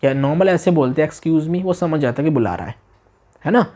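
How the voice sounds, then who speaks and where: A man teaching a beginner language demo class, repeating phrases slowly, asking the listener questions and exaggerating his tone to show meaning. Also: on the high side, lively intonation, mellow. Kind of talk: demo class lesson taught in Hindi.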